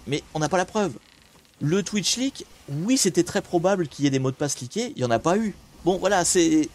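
A man's voice: on the high side, a little mellow. Man, casual streamer; chatty, opinionated commentary delivered off the cuff to his audience. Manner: conversational and opinionated, thinking aloud. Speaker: streamer talking about cybersecurity.

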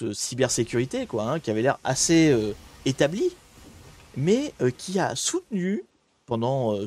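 A man's voice: medium pitch, a little mellow. A man streaming casual commentary to his audience, talking in a conversational, opinionated way as he thinks aloud. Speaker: streamer talking about cybersecurity.

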